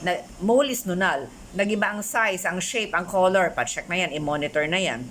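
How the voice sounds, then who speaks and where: A middle-aged woman from the Philippines giving a health talk to her viewers, chatty, switching often into English and full of animated asides. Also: lowish voice, moderate pace, slight background noise. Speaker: health vlogger. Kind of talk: casual talk to camera.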